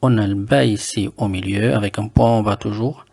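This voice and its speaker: A man teaching Arabic letters in French, patient and slow, repeating each word for the learner to drill. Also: lowish voice, fairly even intonation, gravelly, a little mellow, slightly rough.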